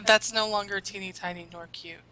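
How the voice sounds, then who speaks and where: A woman's voice: mid-range voice, steady tone, brisk, bright, forceful tone, low-quality recording. A woman chatting casually as a player in a tabletop role-playing game.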